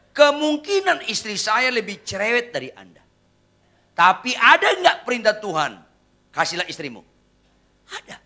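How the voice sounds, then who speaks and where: A male pastor preaching a humorous sermon, teasing the congregation and swinging between loud punchlines and hushed asides. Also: high-pitched. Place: church.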